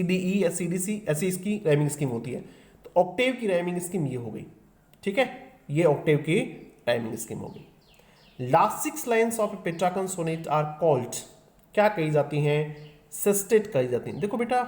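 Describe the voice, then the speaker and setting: A man's voice: high-pitched, a little mellow, roomy sound. A male teacher with an Indian accent, explaining exam questions in a drilling style and mixing in English terms. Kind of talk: exam prep lesson.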